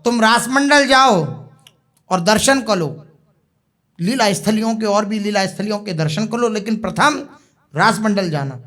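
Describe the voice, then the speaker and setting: A man voicing a kindly elder male guru who gives his disciple gentle instructions. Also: high voice, moderate pace. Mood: instructing.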